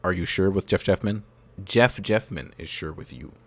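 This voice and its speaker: A man live-streams a game, chatting playfully and joking with his viewers. His low voice moves at a normal speed, picked up by a desk microphone with music playing behind him.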